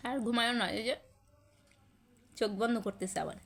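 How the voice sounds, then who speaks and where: A woman's voice: on the high side, fairly even intonation, fairly quick, a bit bright. Coaxing young mother. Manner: sing-song coaxing, calling the child's name over and over. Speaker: vlogger, mother. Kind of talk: casual home vlog, coaxing a sleepy child.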